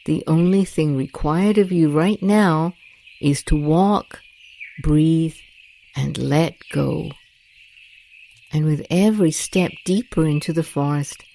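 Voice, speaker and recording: With slight background noise in the recording, a woman's low voice guides listeners through a soothing meditation. She speaks gently and deliberately, pausing at length, as rainforest sounds of birdsong and crickets play behind her.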